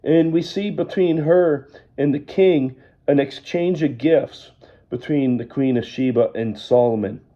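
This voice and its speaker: Leading an evening Bible study, a man reads scripture aloud and then explains it in a measured way, mentioning that he is losing his voice. His voice is mid-range and dark, and the recording's highs are cut off.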